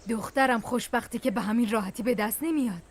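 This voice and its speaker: Cartoon dub: an actress doing a sly older sister, coaxing and confident. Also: female voice, a little high. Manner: persuasive, coaxing.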